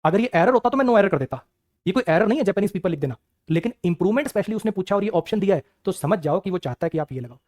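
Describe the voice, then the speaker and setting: A man's voice: high-pitched, expressive, very fast, darkish tone. A man teaching an exam-prep English grammar lecture, firing rhetorical questions at his students.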